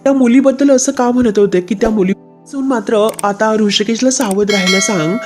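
A woman's voice: a little high, brisk, darkish tone, faint music behind, lightly acted. A woman voicing a worried mother who anxiously insists on waiting for her son.

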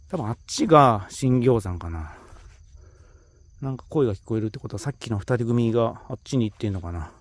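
A man narrates his hike across a rocky hillside for a casual travel vlog, shot outdoors on a handheld smartphone. He speaks with a Kansai Japanese accent, chatting to himself and exclaiming a lot, in a medium-pitched, dark voice.

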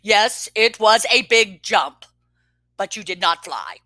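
A woman's voice: mid-range voice, lively intonation, sharp tone, dry recording, clean studio sound, voice pushed down. A woman voicing a skeptical, fussy, dramatic elephant with emphatic delivery in a children's storybook read-aloud. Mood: flatly doubtful. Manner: emphatic, deliberate, melodramatic.

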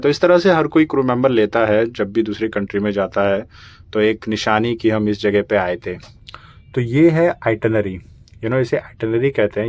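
A young man from India with a fairly low voice walks through his cramped ship cabin, filming on a handheld phone. He explains each item patiently, step by step, in a casual vlog manner. The small indoor room is close around him. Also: darkish tone, lo-fi sound. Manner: explanatory, pointing things out step by step. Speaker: cruise ship crew member showing his cabin.

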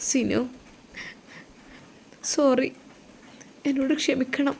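A woman voicing a soft, tearful young wife. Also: on the high side, fairly even intonation, moderate pace, slightly rough, voice pushed up. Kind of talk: storytelling role-play.

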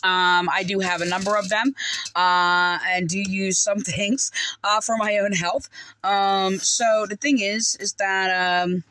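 A middle-aged woman speaks close to her phone in a dim indoor room, and her voice comes across bright and crisp. The sound is dry and close. She comments on scripture in a halting, rambling way, full of fillers and restarts. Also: medium pitch, steady tone, dry recording, low-quality recording. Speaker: video commentator. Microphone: phone held close to face.

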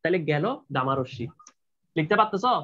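A man's voice: fairly high pitch, expressive, a little fast, a bit bright, dull audio. A young man teaching a chemistry class online, repeating key points and often checking that his students are keeping up.

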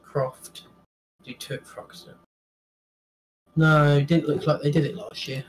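A man's voice: on the high side, a little slow, a little hiss or hum. A young man from a university motorsport team chatting casually and hesitantly on a voice call, his mic volume uneven and cutting in and out. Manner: relaxed, trailing off and hesitating. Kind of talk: casual chat on a livestream call. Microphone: headset or desk mic on a voice call, partly blocked.

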